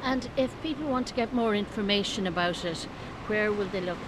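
Woman doing an interview, asking questions, normal pitch, noisy outdoors. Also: brisk. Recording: clear outdoor background noise.

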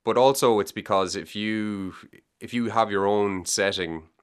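A low, resonant Irish male voice in relaxed conversation. He talks in loose, winding sentences full of restarts and repeated words. The sound is smooth and full. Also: measured pace. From Ireland. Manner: rambling, repeats words, many fillers. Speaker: debut novelist guest. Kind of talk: casual interview chat.

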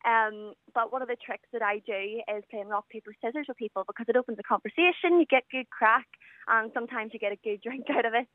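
A confident 21-year-old Northern Irish woman calls into a radio show as a guest, chatting casually over the phone with plenty of fillers. Her voice sits a little high and moves at a quick pace. The recording is dry, with the tinny sound of a telephone line.

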